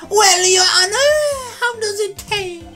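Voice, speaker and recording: A man voicing a bubbly, sly female game witness in a squeaky, sing-song, leprechaun-like lilt. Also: takes it slowly, pushed and bright, heavily acted. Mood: chirpy, pushy. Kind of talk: comic voiced read-through of a courtroom video game. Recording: game music behind.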